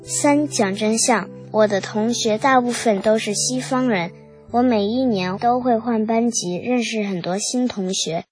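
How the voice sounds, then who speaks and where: A woman reading a first-person account aloud in short, measured phrases. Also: on the high side, a little mellow, soft background music.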